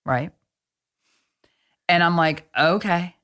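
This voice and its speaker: A woman with a very low voice tells a story in casual chat. She is animated and blunt, with some frank swearing along the way. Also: normal speed.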